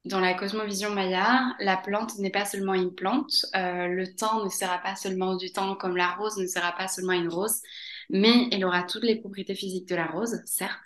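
A woman's voice: medium pitch, fairly even intonation, normal speed, fairly bright tone, echoey room. A woman from Mexico, a podcast guest talking casually, hesitating with many fillers and laughing often. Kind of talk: casual interview.

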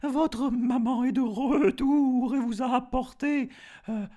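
A man voicing a wolf who fakes a sweet mother goat's voice, slow and drawn out. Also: steady tone, mellow. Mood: wheedling. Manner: slow, drawn-out, wheedling falsetto.

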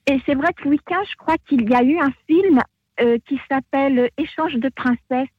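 A woman calling a radio show by telephone, chatting casually and haltingly as she searches for words. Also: high voice, no echo. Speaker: radio phone-in caller. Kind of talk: casual, spontaneous chat. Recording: dull telephone call into radio.

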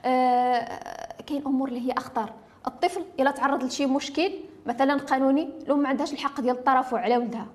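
A woman's voice: sits high, steady tone, very fast, a little mellow. A woman with a Moroccan Arabic accent speaking in an impassioned discussion, emphatic and insistent, often piling up rhetorical questions. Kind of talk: impassioned discussion of family law.

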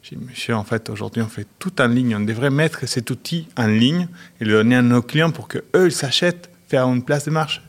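A middle-aged man, a guest on a radio interview, who talks haltingly with many restarts and fillers. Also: medium pitch. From Argentina. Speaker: guest, company director.

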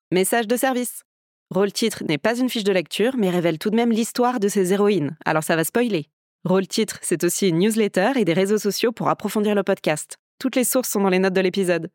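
A podcast host and actress narrates a scripted story with theatrical storytelling flair over background music. Her voice is lowish and darkish in tone, recorded at studio quality with no echo.

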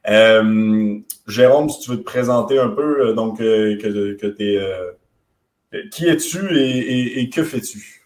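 A man's voice: lowish voice, slow pace, echoey room. A man from Quebec with a light Québécois accent, hosting a live webinar in a casual, hesitant way with many fillers. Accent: light Québécois French. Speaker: webinar host.

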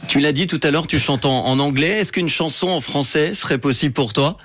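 Man, radio host, fairly high voice, interview style, faint music behind. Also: brisk, fairly bright tone, no room sound. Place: radio studio.

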